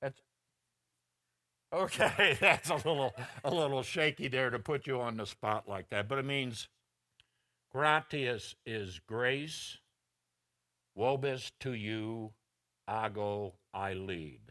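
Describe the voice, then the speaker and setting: A man's voice: mid-range voice, takes it slowly, long pauses, sharp tone. A middle-aged man preaching a personal, story-driven sermon as a pastor in a church, acting out the voices of people he quotes. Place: church sanctuary.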